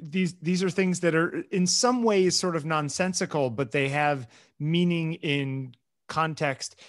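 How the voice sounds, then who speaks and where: A man's voice: a little high, unhurried, no room sound, clean studio sound. A man co-hosting a casual conversation, wry and searching, repeating words as he thinks aloud. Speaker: photographer and co-host.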